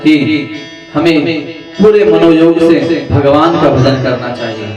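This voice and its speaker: A man's voice: a little high, slow pace, lo-fi sound. Storytelling male preacher, echoey. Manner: storytelling, repetitive, devotional. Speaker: spiritual teacher. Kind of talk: sermon with a parable. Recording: echoey room, distant mic, sitar music. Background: sitar music.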